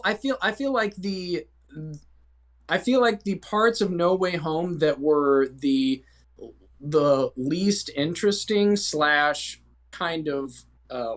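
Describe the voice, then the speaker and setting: A man chats with friends on a show, working through his thoughts with many restarts. His voice sits a little higher than most men's. He is thoughtful more than quick. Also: a bit bright. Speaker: show panelist. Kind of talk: casual chat among friends.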